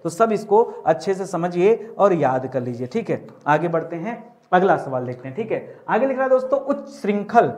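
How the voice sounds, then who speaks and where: A man's voice: high-pitched, very animated, normal speed, a little mellow. A male Hindi grammar teacher giving an exam-prep spelling lesson, often asking rhetorical questions and calling his students "friends". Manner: asks rhetorical questions, keeps saying "friends" and "okay"; repeats and drags out key words.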